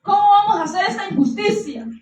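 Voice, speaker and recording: A stern Roman governor pleads with a crowd in a run of insistent questions, as a woman preacher acts him out. The voice is high. It sounds far from the mic, in a roomy space with echo. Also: lively intonation, fast, a little mellow. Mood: pleading. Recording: echoey room, distant mic.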